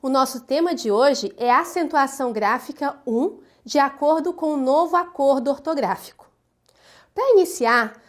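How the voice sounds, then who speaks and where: Woman teacher w a high voice, clear careful delivery, leans hard on stressed syllables. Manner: clear, deliberate, stresses syllables in example words. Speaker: Portuguese language teacher. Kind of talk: scripted video lesson.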